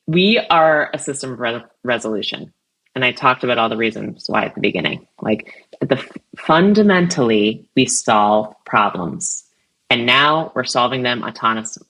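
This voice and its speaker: A woman guest speaks on a business podcast in a bright, pressing tone. She talks in energetic, emphatic bursts and leans hard on key words. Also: very deep voice, poor audio. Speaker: guest, CRM vice president. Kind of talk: podcast interview.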